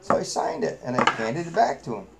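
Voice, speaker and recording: A man's voice: mid-range voice, sing-song, brisk, vocal fry, heavy background noise. A middle-aged man with a New England accent, hosting a live chat and telling rambling, salty, folksy stories full of fillers. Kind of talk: casual storytelling chat.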